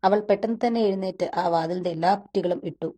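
A woman reading a serialized romance story aloud in a steady narrating manner. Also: medium pitch, fast talker.

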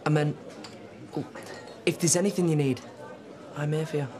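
A man's voice: fairly high pitch, fairly even intonation, moderate pace, warm tone, natural voice. A man playing a loyal, awkwardly devoted lad in a TV soap. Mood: earnest, hurt. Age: 20s. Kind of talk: naturalistic TV soap acting. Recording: pub chatter behind.

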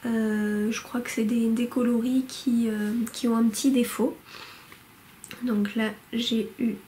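A woman's voice: a little high, level tone, measured pace, warm tone, slight background noise, low-quality recording. A woman showing her newest yarns in a casual vlog, chatty and hesitant, full of fillers and restarts, at home by a window. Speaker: knitting vlogger showing yarn purchases. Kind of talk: casual show-and-tell vlog. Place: home room lit by a window.

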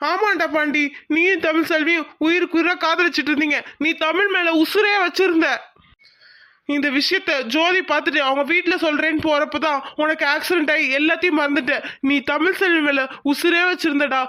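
A woman's voice: high-pitched, steady tone, brisk, pushed and bright. A woman voicing an earnest young village man who pleads with his friend in a cartoon. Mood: urging. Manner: pleading, insistent storytelling.

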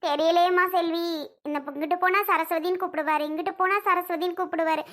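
High voice doing a sad middle-aged mom lamenting her missing husband, family skit. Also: flat delivery, fast talker, fairly bright tone. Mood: grieving. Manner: mournful, lamenting. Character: grieving middle-aged mother whose husband vanished.

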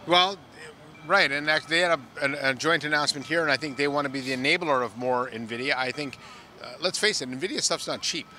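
A middle-aged man, an industry analyst, explaining in a measured way with occasional "uh"s, interviewed outdoors on a handheld mic. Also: fairly high pitch, bright, forceful tone, a little hiss or hum. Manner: measured, explanatory, some filler "uh"s. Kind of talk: on-site analysis chat. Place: outdoor plaza at a conference.

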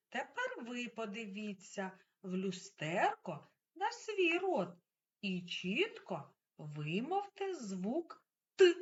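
A woman preschool teacher leading a speech lesson for small children, speaking with careful, exaggerated articulation and coaxing praise. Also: mid-range voice. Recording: dull lo-fi recording.

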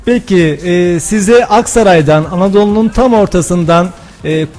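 A man hosting a radio interview, speaking in a courteous, flattering way with hesitant phrasing. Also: high-pitched, normal speed, faint music behind. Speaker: radio host. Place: radio studio.

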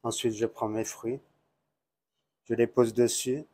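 A man's voice: medium pitch, little pitch movement, slow, dark tone. A middle-aged man, a hotel chef giving a plain, step-by-step cooking demonstration on a lapel mic while he works. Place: hotel kitchen, indoors.

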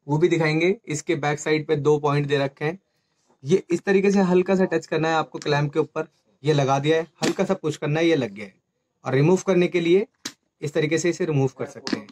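Explaining things step by step, a motorcycle gear channel presenter gives a hands-on tutorial from a small indoor room. His voice is fairly high-pitched with a darkish tone. There is faint background noise along with clicks.

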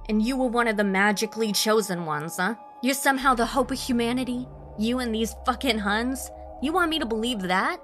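A woman's voice: fairly high pitch, brisk, hardly any pauses, soft background music, pitched above the performer's own voice, lightly acted. A woman voicing a cursing, defiant soldier. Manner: scornful, shouting, swearing. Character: angry defiant male WWI soldier, cursing.

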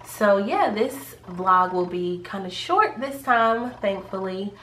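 A woman's voice: mid-range voice, animated, takes it slowly, a bit bright. A woman talking casually in a vlog, chatty and rambling with many fillers, sounding a little congested from a cold. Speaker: pregnancy vlogger. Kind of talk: casual vlog talk to camera. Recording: echoey room, faint background noise.

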